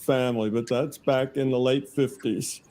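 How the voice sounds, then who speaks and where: An older man chatting as a guest on a live stream, pausing and searching for his words as he recalls things. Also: medium pitch, steady tone, warm tone. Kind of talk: casual live-stream chat.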